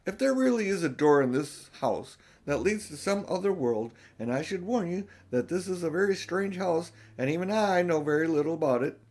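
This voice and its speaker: A man voicing a learned old professor in a storybook, deliberate, pedantic and emphatic. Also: on the high side, animated, a little mellow, voice pushed up. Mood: reasoning, musing. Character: learned old male professor, musing and sharp. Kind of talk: storybook character reading.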